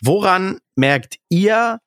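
A man's voice: high-pitched, expressive, very slow, fairly bright tone, slight background noise. A man in his thirties co-hosting a podcast in casual chat, playful and joking as he leads the topics. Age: 30s. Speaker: podcast co-host.

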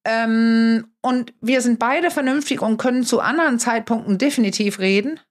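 A woman's voice: fairly high pitch, moderate pace. A woman co-hosting a podcast, explaining relationships and the unconscious in an earnest, emphatic way with frequent fillers. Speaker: podcast co-host, relationship expert.

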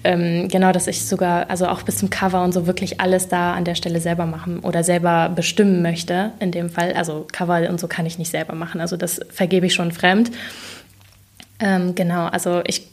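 A woman's voice: on the low side, little pitch movement, a little fast. A woman author chatting in a podcast interview with many fillers, then reading aloud from her novel. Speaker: author and guest.

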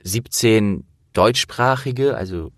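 Speaking slowly with a fairly low pitch, this interviewer and host explains things in a relaxed, conversational way, thinking out loud as he talks. The recording is studio quality, without any room sound.

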